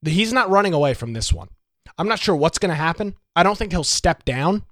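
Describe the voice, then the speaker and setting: A man's voice: fairly high pitch, sing-song, brisk, a bit bright, dry recording, clean studio sound. A man hosting a political talk show, delivering opinionated commentary with many rhetorical questions.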